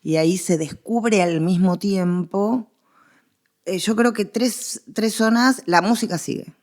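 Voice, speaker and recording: An Argentine woman with a mid-range, slightly mellow voice speaks slowly as a guest expert in a conversational interview. She explains history using emphatic, repeated phrasing.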